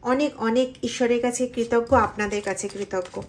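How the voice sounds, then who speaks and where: A woman with a high voice leads a general tarot reading for her viewers. She explains the cards in an animated way, her pitch jumping up on the points she stresses. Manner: chants mantras softly and slowly. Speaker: tarot reader.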